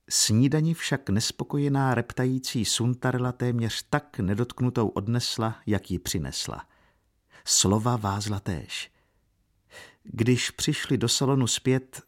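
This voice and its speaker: A man narrating a novel at a steady, measured pace. His voice sits a little low and has a husky grain. Plain scripted storytelling. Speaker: audiobook narrator.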